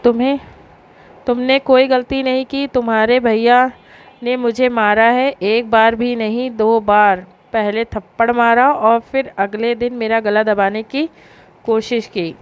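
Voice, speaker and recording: An upset young wife snaps back in short, irritated replies, as a woman storyteller plays her. The voice sits slightly high and smooth, and the delivery is unhurried even when angry. The recording sounds a little dull.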